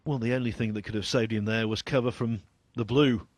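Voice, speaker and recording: Hushed, slightly husky male snooker commentator. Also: fairly low pitch, fairly even intonation, no room sound. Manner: measured, understated.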